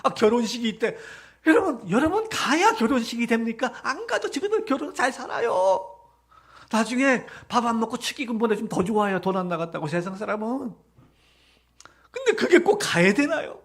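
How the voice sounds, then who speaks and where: A man preaching a Sunday sermon as pastor in a church, asking the congregation rhetorical questions and rising from quiet reflection to loud exhortation. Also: extremely high pitch, lively intonation, fairly quick. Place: church sanctuary during a live service.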